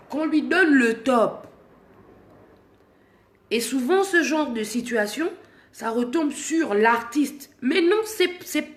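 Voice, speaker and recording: A sick woman from Gabon, a singer, talks directly to camera for her fans in a high-pitched voice, speaking really slowly in an echoey room. Suffering from the flu, she begins quiet and subdued but turns loud and insistent when she explains things.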